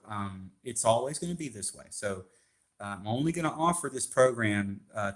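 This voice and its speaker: A man speaking as a personal trainer in a rambling, informal explanatory style, halting often and checking in with "okay?". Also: on the low side, fairly bright tone. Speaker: personal trainer pitching a weight-loss walking program.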